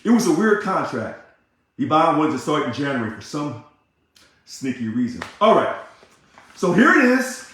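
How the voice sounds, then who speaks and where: High-voiced man ranting in a very echoey room. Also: big pitch swings, normal speed, long pauses. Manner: combative, sarcastic, repetitive, bursts into shouting. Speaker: ousted union leader. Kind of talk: ranting monologue.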